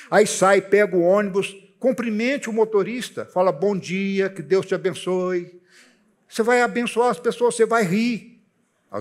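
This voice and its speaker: A male pastor delivers a sermon in a fairly high voice. He preaches in a lively storytelling way and often turns to the congregation with questions.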